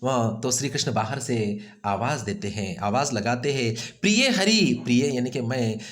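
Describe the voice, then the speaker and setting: A male teacher with a medium-pitched voice explains a grammar lesson step by step. He poses questions and answers them himself, repeating key phrases over and over. When he acts out a quote, his pitch jumps up sharply. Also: normal speed.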